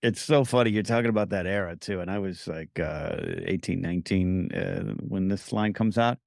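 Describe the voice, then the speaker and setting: A man's voice: sits low, normal speed, darkish tone, no echo, studio quality. A middle-aged man chatting casually in a conversational, teasing way. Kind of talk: casual chat.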